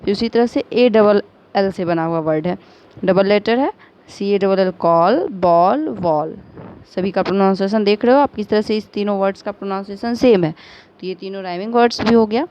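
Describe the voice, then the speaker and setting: A woman's voice: mid-range voice, a little fast, mellow, clean tone. A woman teacher with an Indian accent giving a recorded lesson, patiently spelling out words letter by letter and mixing Hindi with English. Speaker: school teacher. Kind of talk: recorded online class lesson. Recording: slightly dull lo-fi audio with faint noise.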